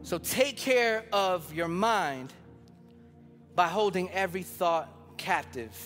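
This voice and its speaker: A man's voice: a little high, a bit bright, in a large hall. A man in his thirties preaching a sermon, emphatic and building with repeated phrases, telling a story from his own family life. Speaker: pastor. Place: church sanctuary.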